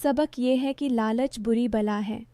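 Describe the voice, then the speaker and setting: Woman narrating a story, mellow and dry. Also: on the high side, steady tone, a little slow, no room sound. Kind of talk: scripted first-person story narration.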